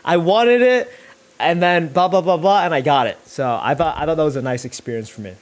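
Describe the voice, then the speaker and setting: He's a young YouTuber streaming his thumbnail work, speaking brisk and a bit high-pitched. The talk is casual and meandering, with plenty of slang and cursing as he thinks out loud.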